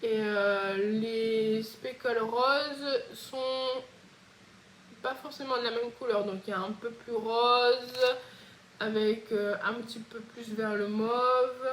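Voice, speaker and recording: A woman's voice: on the high side, fairly even intonation, slight background noise. Chatty woman with a Réunion accent. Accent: Réunion French. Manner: chatty, hesitant, frequent pauses. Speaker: knitting podcast host. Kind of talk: casual chat. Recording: echoey room.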